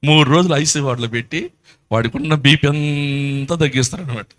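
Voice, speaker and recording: A man's voice: on the high side, a little fast, a bit bright. A man with a Telugu accent preaching a church sermon, telling the story with rhetorical questions and acting out voices. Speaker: pastor.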